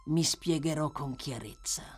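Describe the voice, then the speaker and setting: A woman voicing a shady, menacing mysterious stranger, a man who talks in a low, hushed, curt way. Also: unhurried, husky, faint music behind.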